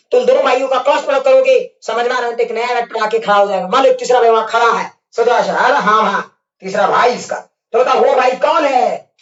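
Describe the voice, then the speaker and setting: A man teaching physics in an online class who coaxes and playfully scolds his students and keeps checking whether they follow. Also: very high voice. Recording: echoey, distant, dull mic.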